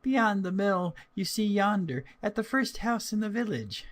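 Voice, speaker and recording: Storybook child heroine, played by a male reader: high, sweet, innocent country girl with animated, wondering tone. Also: a little slow. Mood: innocent, eager. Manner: naive, polite, wondering.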